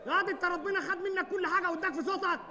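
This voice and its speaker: Man, stage comedy, bossy, scolding, rapid speech, theater echo. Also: very high-pitched, a faint crowd. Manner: bossy, scolding, tells others to calm down. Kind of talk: live stage comedy sketch. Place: theater stage with live audience. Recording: stage mics in a hall with audience.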